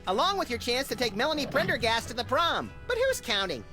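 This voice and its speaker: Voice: medium pitch, very animated, fairly quick, sharp tone, faint music behind. A voice actor playing a hyperactive rabbit-like sidekick in a video game, chirpy and gleefully unbothered.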